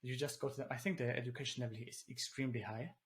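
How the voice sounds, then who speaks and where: Rapid-fire and steady in tone, a medium-pitched man rambles as a guest in a casual video-call interview, with many fillers and restarts. He's a native German speaker born in Germany, living in the Netherlands.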